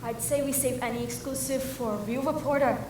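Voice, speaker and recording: A woman's voice: high-pitched, fairly even intonation, a little fast, darkish tone, slight background noise, lightly acted. A young woman on a school stage playing an earnest, articulate teenage newsboy. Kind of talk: school stage musical acting. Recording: echoey hall from far off.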